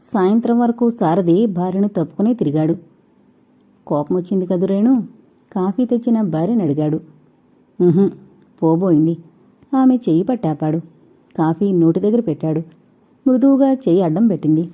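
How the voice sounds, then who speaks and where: Woman narrating an audio novel, very dark voice. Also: on the low side, lively intonation, brisk. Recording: dull lo-fi recording.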